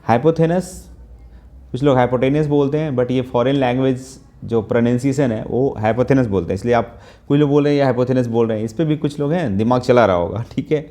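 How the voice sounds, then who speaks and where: Mellow-voiced man teaching a math lesson. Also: medium pitch, brisk. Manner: explains step by step, often checking in with listeners; mixes English math terms into Hindi. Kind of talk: Hindi math lesson with whiteboard.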